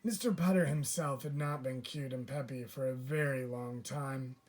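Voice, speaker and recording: A man reading a children's picture book aloud as a teacher would, with measured, deliberate phrasing. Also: mid-range voice, a little mellow. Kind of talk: children's storybook read-aloud.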